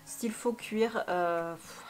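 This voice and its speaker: A woman's voice: fairly low pitch, takes it slowly, faint music behind. A young woman vlogger chatting bubbly and self-mocking, with many fillers, into a studio microphone in her bedroom. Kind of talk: casual chat.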